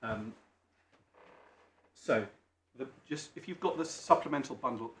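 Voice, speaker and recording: A British man making formal legal submissions as a barrister, deferential and learned, often halting and repeating his phrases. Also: mid-range voice, fairly bright tone. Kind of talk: formal courtroom legal argument. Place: indoor courtroom. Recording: echoey courtroom with faint background noise.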